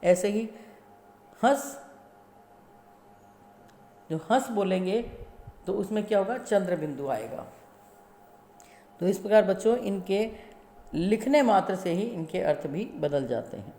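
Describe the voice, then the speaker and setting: Slow, deliberate woman teaching in an echoey room. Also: mid-range voice, expressive, warm tone. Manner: slow, deliberate, spells out sounds syllable by syllable. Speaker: school Hindi teacher. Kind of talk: classroom grammar lesson. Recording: echoey room with long reverb.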